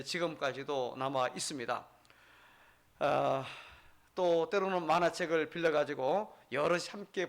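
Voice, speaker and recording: A high-voiced middle-aged male pastor delivering a sermon. He tells stories with building emphasis and keeps asking the congregation questions that he answers himself. His pitch sits well above most men's. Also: fairly bright tone. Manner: storytelling with rising emphasis.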